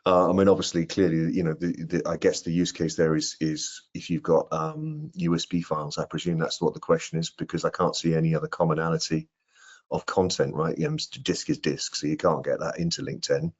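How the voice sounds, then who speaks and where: A middle-aged man with an extremely low voice answers audience questions about a product on a video call, speaking briskly. As a product presenter in an indoor room, he explains things informally and often repeats words. The video-call microphone gives the audio a dull, band-limited sound.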